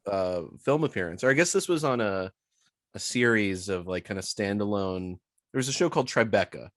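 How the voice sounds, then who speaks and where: A man's voice: fairly low pitch, dry recording, studio quality. A man co-hosting a podcast, chatting casually, joking and laughing often. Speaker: podcast co-host. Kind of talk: casual chat.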